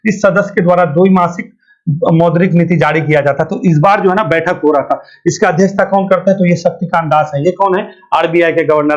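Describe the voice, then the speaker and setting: A man runs an exam-prep lesson. He fires off questions and answers them himself, dropping "thik hai" again and again. The recording is dull and lo-fi. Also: high-pitched. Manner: colloquial, keeps asking and answering his own questions with "thik hai". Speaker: current affairs teacher. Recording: dull lo-fi sound.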